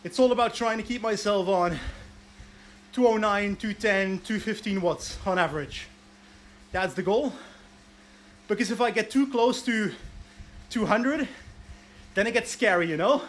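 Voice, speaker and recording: Chatty man with a high voice. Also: unhurried, fairly bright tone, slight background noise. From Belgium. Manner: chatty, answers viewer questions from chat, laughs at himself. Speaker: livestream host. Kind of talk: casual livestream chat while riding an indoor bike trainer. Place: warm indoor room with a bike trainer and fan.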